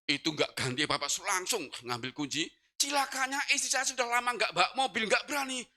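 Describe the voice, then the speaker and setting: A middle-aged man, preaching a sermon and telling a personal testimony in a lively, dramatic way. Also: sits high, a little fast. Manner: animated storytelling, acting out gasps and cries. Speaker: pastor.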